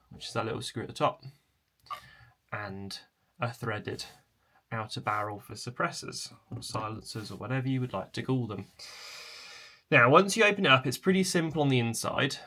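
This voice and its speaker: Man, medium pitch, casual tutorial presenter, explanatory, slightly tentative, creaking chair. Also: normal speed, sharp tone. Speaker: video presenter.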